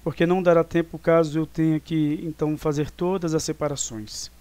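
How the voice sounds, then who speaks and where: Brazilian man, teacher, voice on the high side, dry close sound, chatty explainer. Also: flat delivery, fairly quick, warm tone, clean tone, no echo. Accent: Brazilian Portuguese. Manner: explanatory, full of tag questions and fillers. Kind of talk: online class review lesson.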